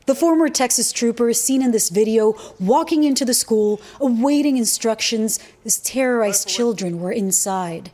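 A woman's voice: fairly high pitch, moderate pace, hardly any pauses, mellow. A woman news correspondent narrating a scripted investigative exposé in a serious manner.

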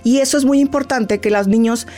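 Woman, middle-aged, grief therapist, dark mellow tone, soft music under, didactic. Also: a little high, a little fast. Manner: warm, didactic, acts out little dialogues with a child. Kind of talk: explanatory interview talk.

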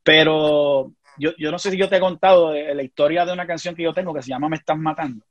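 A man's voice: on the high side, steady tone, fast, muffled recording, over a noisy crowd. A middle-aged man with a Puerto Rican accent, a guest telling a personal story in casual conversation, earnest and often checking in with the listener. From Puerto Rico.

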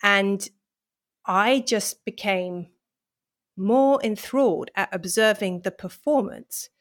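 Speaking slowly in a mid-range voice, a woman university lecturer first reads a passage aloud. As an interview guest, she then responds to questions in a thoughtful, hesitant manner full of fillers and restarts.

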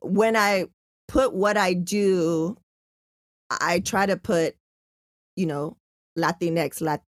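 A woman's voice: on the low side, slow, long pauses, no room sound, clean studio sound. A woman hosting a casual conversational interview, speaking informally with slang and often checking that the listener follows. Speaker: podcast host.

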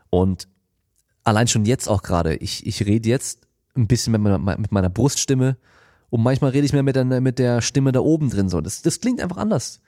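Young male podcast host, lively slangy delivery, dry close-mic sound. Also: mid-range voice, no room sound. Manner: animated, slangy storytelling, acts out quoted lines. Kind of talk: casual monologue. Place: home studio, seated. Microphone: podcast microphone.

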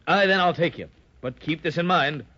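Hearty, decisive sea captain. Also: male voice, fairly high pitch, normal speed, bright, forceful tone. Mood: resolute. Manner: hearty nautical talk. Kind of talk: old-time radio adventure acting. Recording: dull lo-fi old radio recording.

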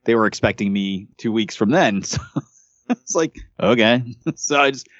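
A man's voice: lowish voice, lively intonation, moderate pace, no room sound. Joking upbeat guy hosting a podcast, dry kinda dull lo-fi sound. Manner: upbeat, joking, theatrical host intros. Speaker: podcast host. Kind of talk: casual chat.

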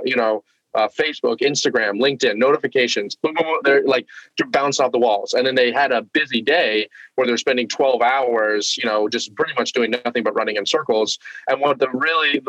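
A man's voice: mid-range voice, fairly bright tone, no echo. Young male interview guest, emphatic and motivational, dry muffled line. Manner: emphatic, driven motivational talk. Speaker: guest entrepreneur. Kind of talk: casual interview talk.

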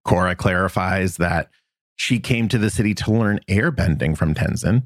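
A man co-hosting a podcast, chatting casually and recapping episodes with a relaxed, rambling manner. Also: sits low, normal speed, no room sound, clean studio sound. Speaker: podcast co-host.

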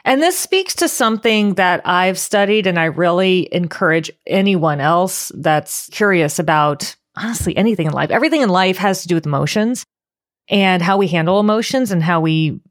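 A woman in her thirties or forties, a life coach co-hosting a casual chat, talking earnestly and in an animated way. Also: on the low side, normal speed, dry recording, studio quality. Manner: earnest, animated, acts out quoted voices.

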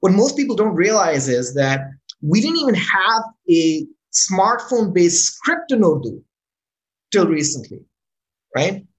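Over poor audio, a founder of a startup from Pakistan talks through interview questions casually at a slightly slow pace and medium pitch. Tag questions like "right?" come up often, and excitement makes words restart.

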